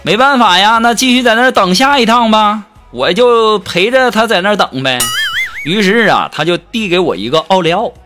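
A man's voice: high voice, expressive, normal speed. A man telling cheeky comic stories, laughing at his own jokes. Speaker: comic storyteller. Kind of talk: humorous monologue. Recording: music behind the voice.

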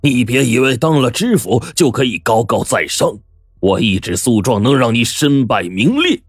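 A man's voice: deep voice, a little slow, darkish tone, no room sound, clean studio sound, faint music behind. A man storyteller voicing a bitter, scornful rich old squire who speaks coldly and accusingly, in storytelling with acted dialogue. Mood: contemptuous. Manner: cold, mocking, accusing.

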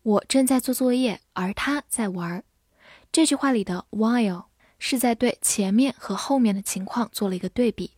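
A woman giving a scripted English vocabulary lesson, explaining words clearly and reading example sentences slowly. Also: fairly high pitch, a little mellow, dry recording, studio quality. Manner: clear, measured, slows down for model sentences. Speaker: English teacher.

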